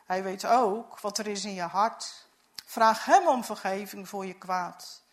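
A woman voicing a kindly, devout elderly uncle in a storybook reading, speaking in a gentle, solemn hush. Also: medium pitch, a little slow, natural voice.

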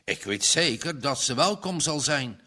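A man's voice: mid-range voice, expressive, measured pace, bright, forceful tone. A man voicing a cheerful, easygoing young man in love. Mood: tender.

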